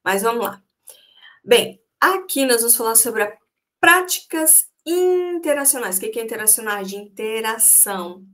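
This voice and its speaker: A woman's voice: a little high, expressive, moderate pace, pushed and bright. A middle-aged woman teacher giving an online lecture to her students, speaking conversationally and often checking in with them, recorded on a computer microphone.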